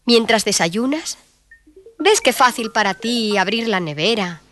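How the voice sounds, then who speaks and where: A woman's voice: a little high, lively intonation, unhurried, a bit bright, a little hiss or hum. A woman narrating a scripted children's introduction, speaking friendly and directly to the child. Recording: clear music underneath.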